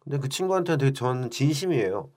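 A man's voice: mid-range voice, very animated, fast talker, darkish tone. A man speaking as a podcast guest, telling a personal story in a frank, confessional and self-deprecating way. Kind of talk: candid storytelling.

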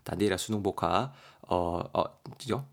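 A man's voice: deep voice, unhurried, creaky. A man, teaching English vocabulary in a playful, jokey online lesson.

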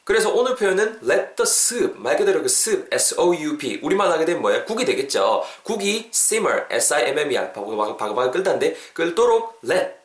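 Upbeat man teaching English phrases. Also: on the high side. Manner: lively, drills phrases slowly for repetition. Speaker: English teacher and podcast host. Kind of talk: casual spoken English lesson. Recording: echoey room.

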